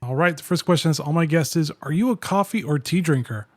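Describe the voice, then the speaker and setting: A man's voice: a little high, lively intonation, fast talker, no echo, studio quality. A man hosting a podcast, reading a scripted-sounding intro and asking plain, direct questions. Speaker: podcast host.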